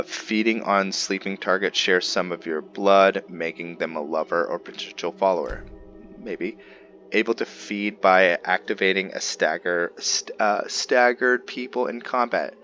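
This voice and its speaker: In the muffled recording, with noticeable background noise, a gaming video host with a low but fairly bright voice improvises casual commentary. He muses tentatively, as if talking to himself.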